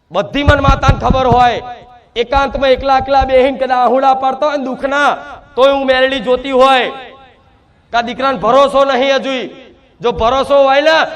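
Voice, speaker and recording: A man's voice: very high voice, a bit bright. A man preaching a sermon to devotees, speaking in first person as the mother goddess and repeating fervent rhetorical questions.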